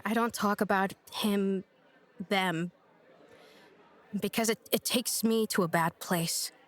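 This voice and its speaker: A woman's voice: mid-range voice, takes it slowly, close to an everyday voice. A woman playing a blunt, sarcastic young woman. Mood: earnest. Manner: dry, teasing, direct. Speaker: [name]. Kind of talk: audio drama acting.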